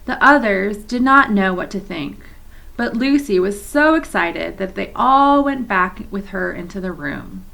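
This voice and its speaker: A woman's voice: mid-range voice, animated, a little slow, creaky, sharp tone, rough recording. Woman reading a chapter book to kids. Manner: chatty asides to young listeners. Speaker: children's storyteller for a church. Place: church office.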